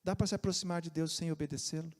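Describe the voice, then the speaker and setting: A Brazilian man preaches a sermon with a high, light voice. He swings between ringing emphasis and hushed, conversational asides. The sound carries a long reverb from a church hall. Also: very fast. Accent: Brazilian Portuguese. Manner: animated preaching, shifting from loud emphasis to soft asides. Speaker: pastor. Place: church sanctuary.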